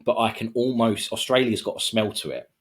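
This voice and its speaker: A podcast guest in his thirties with a low, slightly husky voice. He tells his story casually, wandering through fillers and restarts. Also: fairly quick. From Kent, England. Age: 30s. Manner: rambling, relaxed, many fillers and restarts.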